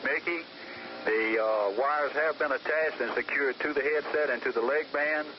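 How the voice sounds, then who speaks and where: A man's voice: mid-range voice, normal speed. A man on an old archival recording, a prison official giving a formal, matter-of-fact step-by-step report over a line. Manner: steady, matter-of-fact, procedural. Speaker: prison official narrating an execution. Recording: muffled noisy old tape recording.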